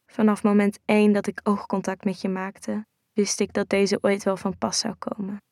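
A calm, teasing male lover murmurs in a low, soft voice, as a woman narrator puts him on. The tone is gravelly and kept to a narrow, even pitch. It is recorded close and dry, as in an audio story. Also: normal speed, dry recording, lightly acted.

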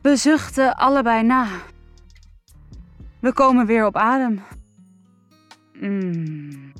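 A woman reading a first-person erotic story aloud in a slow, breathy, sensual way. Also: on the high side, steady tone, a bit bright, soft background music. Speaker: narrator.

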